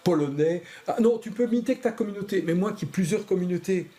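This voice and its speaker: A comedian in his fifties sits as a guest in a TV studio, recounting anecdotes in an animated way and acting out the quoted lines. He speaks fast, in a fairly high but mellow, dark voice. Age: 50s. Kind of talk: talk show conversation.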